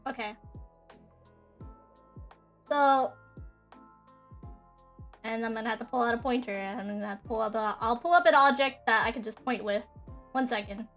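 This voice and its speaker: A woman's voice: on the high side, moderate pace, pauses often, a bit bright. A young woman streamer chatting casually and rambling with lots of fillers. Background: faint background music.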